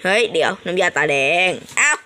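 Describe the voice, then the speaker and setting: A young woman giving playful, animated commentary while playing a mobile game, often squealing with excitement. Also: lowish voice, a little fast. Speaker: gaming streamer.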